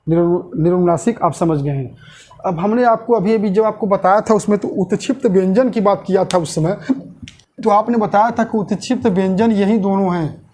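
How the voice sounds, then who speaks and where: Teaching a grammar lesson online, a man asks the class questions and then answers them himself, going over key terms slowly. His voice is high and a little mellow.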